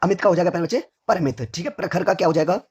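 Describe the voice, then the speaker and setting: A hoarse man teaching a vocabulary lesson for exam preparation, who asks each question, answers it himself, and keeps addressing his students fondly. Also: high voice, racing, a little mellow, muffled recording. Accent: North Indian Hindi. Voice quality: husky.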